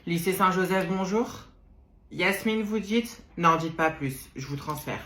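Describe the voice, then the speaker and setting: A woman playing a fed-up school receptionist who answers calls in a weary, rushed way. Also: on the low side, echoey room, heavy background noise, pitched below the performer's own voice, lightly acted. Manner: weary, rushed phone patter.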